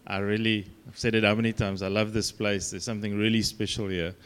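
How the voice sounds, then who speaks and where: A man from South Africa with a broad Afrikaans accent, giving an informal sermon as a guest preacher in a halting, conversational, self-deprecating way. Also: on the low side, level tone, fairly bright tone, smooth.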